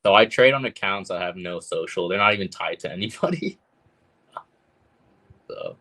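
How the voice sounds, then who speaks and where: A man's voice: low-pitched, expressive, moderate pace, creaky, sharp tone. A man talking casually as a guest on a livestream, filling his speech with "like". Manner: loose, heavy use of "like".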